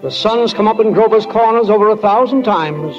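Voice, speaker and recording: In a muffled old 1940s radio recording, a man plays a play's narrator, a folksy, wryly philosophical small-town figure who speaks plainly and addresses listeners directly. His voice sits high and moves a little fast, the acting is light, and music plays in the background.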